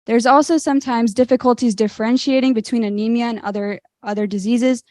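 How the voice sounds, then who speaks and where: A woman's voice: fairly high pitch, steady tone, fairly quick, a little mellow, no echo. A teenage girl from Maryland presenting in a student group, talking loosely with many fillers. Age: teens.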